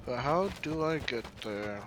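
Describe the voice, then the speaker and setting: A man's voice: medium pitch, animated, unhurried, noisy background. A young man commenting casually as he plays through a video game. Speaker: gamer playing a video game.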